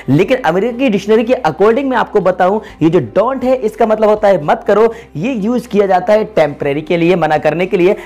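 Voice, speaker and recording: A man's voice: high-pitched, darkish tone. A man hosting a YouTube lesson, explaining English grammar in Hindi and repeating each example to stress it.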